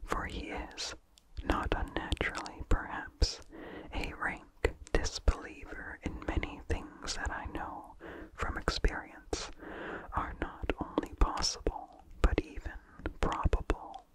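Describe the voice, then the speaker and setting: In a poor-quality recording, a narrator reads old-fashioned horror fiction in a breathy, voiceless ASMR whisper, pacing each phrase slowly and deliberately.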